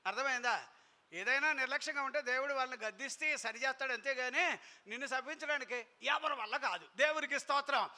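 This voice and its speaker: A man preaching a sermon as pastor, telling a story in an animated way, acting out the voices of biblical figures and calling on the congregation to answer aloud. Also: very high-pitched, quick pace.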